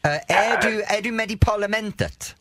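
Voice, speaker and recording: A man hosting a radio show from the studio, teasing and excitable in quick banter. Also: high voice, noisy background. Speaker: radio host.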